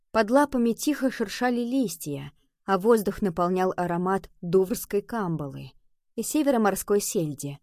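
A woman narrating a children's audiobook, expressive and lively. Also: dry recording, clean studio sound. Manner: expressive, lifting pitch for dialogue.

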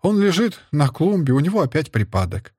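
A respectful yet self-important housemaid, measured and polite, with a slightly raised, husky tone, as a male narrator puts her on. The storybook reading is close and dry. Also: a little high, big pitch swings, darkish tone, dry recording, voice pushed up. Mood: dignified.

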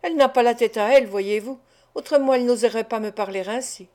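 A brutal, gruff male robber from a storybook, harsh and bullying, barking orders and threats, as a woman narrator reads him. His voice is loud and pushy, set a little higher than a man's usual. It is read aloud in a fairly high register. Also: quick pace, close to an everyday voice. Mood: angry.

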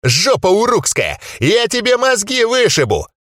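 A stocky gnome gang boss in a screaming rage, as a man puts him on, his voice pushed well above the reader's own pitch and swinging wildly. He spits out curses and splutters. The sound is close and dry. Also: huge pitch swings, measured pace, fairly bright tone, no room sound, exaggerated voice. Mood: enraged.

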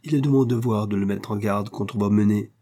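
A man's voice: lowish voice, fairly quick, warm tone. Man voicing a haughty young heiress. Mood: imperious. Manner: imperious, scornful. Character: haughty young woman, proud spoiled heiress. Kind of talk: audiobook character reading.

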